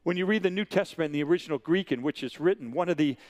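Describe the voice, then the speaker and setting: A man's voice: a little high, racing. A man in his sixties preaching a sermon, telling stories with emphatic, repeated phrases. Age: 60s. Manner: animated storytelling with emphatic repetition. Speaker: guest preacher.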